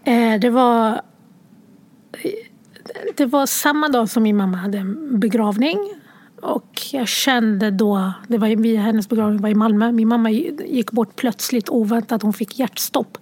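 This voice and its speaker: A woman recounts a personal story, tearful and halting. Her voice sits a little high and often drops to a hushed, near-whispered tone as she searches for words. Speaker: guest sharing a personal story.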